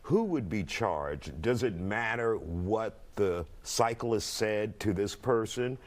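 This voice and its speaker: Animated male talk show host, swooping pitch. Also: takes it slowly. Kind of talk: broadcast interview.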